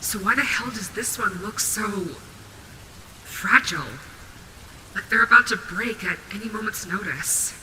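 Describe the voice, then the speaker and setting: Against clearly audible rain, a woman voices a female robot wolf in an audio roleplay. She is sassy and a little vain, with a protective, motherly streak. Her pitch sits in an ordinary female range and she talks casually, as if straight to the listener. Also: animated, measured pace, sharp tone, poor audio. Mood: quiet, concerned musing. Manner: sassy, casual, swearing, muttering asides to herself. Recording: heavy rain and thunder noise behind. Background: rainstorm sound effects.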